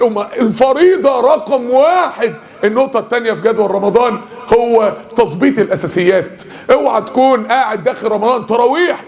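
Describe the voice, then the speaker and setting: A man with an Egyptian Arabic accent giving a lively mosque lesson, joking and asking the audience questions. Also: very high-pitched. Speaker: preacher.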